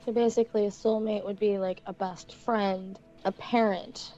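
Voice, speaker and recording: A sick woman co-hosting a podcast, her voice raspy and nearly gone. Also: mid-range voice, steady tone, moderate pace, mellow, dull audio. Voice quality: gravelly, raspy. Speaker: podcast co-host. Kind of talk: casual podcast chat.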